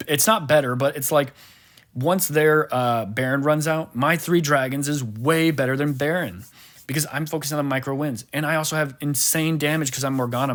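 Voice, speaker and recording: A man's voice: mid-range voice, a bit bright. A man commentating over a replay of his own gameplay as a coach, talking casually and animatedly, with lots of fillers and repeated words. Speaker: gaming coach.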